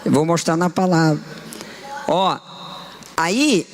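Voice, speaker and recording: A man's voice: on the high side, slow. A man in his fifties with a Brazilian Portuguese accent, preaching a playful testimony to a church congregation. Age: 50s. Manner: animated and playful, addressing the congregation. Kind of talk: lively joking sermon testimony.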